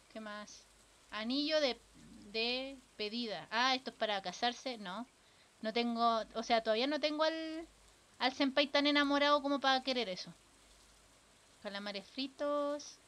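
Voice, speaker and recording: A woman's voice: fairly high pitch, a bit bright. A young woman with a Chilean accent, casually commentating a live game stream, chatting with viewers and swearing freely.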